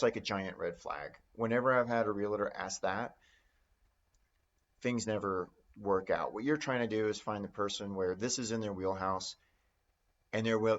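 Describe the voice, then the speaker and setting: With a fairly low, slightly bright voice, this instructor walks through real estate note investing informally, as if chatting. He plays out example phone calls, while the recording's high end is missing.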